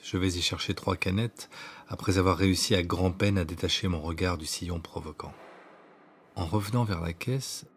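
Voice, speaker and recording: A man reading his own autobiographical story as scripted narration, in an intimate, hushed way that at times drops to a whisper. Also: deep voice, moderate pace, slight background noise. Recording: narration over clear background music.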